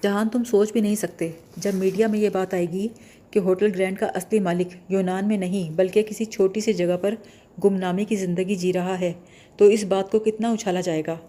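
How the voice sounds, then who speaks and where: A woman reads the part of a determined young woman studying law, earnest and insistent. The voice is mellow and warm and sits at an ordinary middle pitch. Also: fairly even intonation, natural voice.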